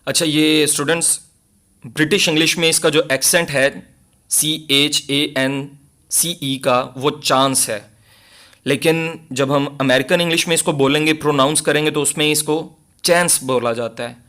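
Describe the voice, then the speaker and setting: A Pakistani-accented man in a line-by-line English reading lesson. His voice sits a little high and he speaks very slowly, reading each English phrase carefully before explaining it in Urdu. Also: fairly even intonation, pushed and bright. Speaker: English teacher.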